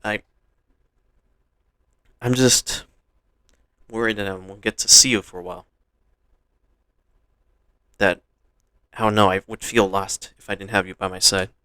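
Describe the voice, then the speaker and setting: A man's voice: on the low side, steady tone, measured pace, pauses often, sharp tone, clean tone, no echo. A man playing an earnest, competitive young male trainer in a fan-told story, speaking in a sincere, sometimes hesitant way.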